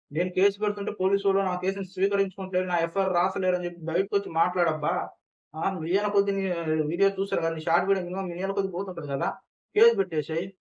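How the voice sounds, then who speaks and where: A man's voice: a little high, highs cut off. A man giving heated, repetitive commentary on an online dispute, lecturing his viewers. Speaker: YouTube commentator. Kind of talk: reaction commentary.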